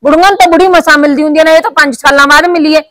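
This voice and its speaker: An actress playing a quick-tongued village wife and daughter-in-law in a family drama, speaking in a rapid, complaining, chatty way. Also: female voice, sits high, fairly even intonation, fairly bright tone, dry recording.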